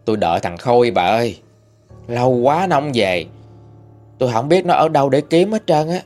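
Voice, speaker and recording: A man voicing the sad, hungry ghost of an old woman who pleads in a low, mournful way. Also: animated, moderate pace, a little mellow, soft background music, lightly acted. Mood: mournful pleading.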